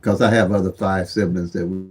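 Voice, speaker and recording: A man's voice: low voice, fairly even intonation, brisk, husky. A man in his seventies, from St. Louis, hosting a casual lottery livestream in a rambling, plain-spoken way that keeps repeating and restarting words. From St. Louis, USA. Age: 70s.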